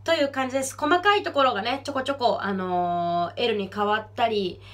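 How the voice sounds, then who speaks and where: A young woman teaching a singing lesson, explaining pronunciation and demonstrating lyric lines slowly and clearly. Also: a little high, fairly bright tone. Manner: slow, clear demonstration of English lyrics, then brisk explanation. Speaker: vocal teacher.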